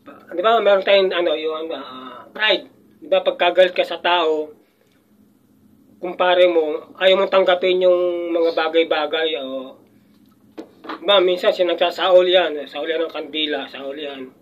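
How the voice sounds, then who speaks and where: An older man with a high-pitched voice talks casually, rambling with frequent restarts and chuckles. The audio is muffled and lo-fi. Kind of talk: casual chat.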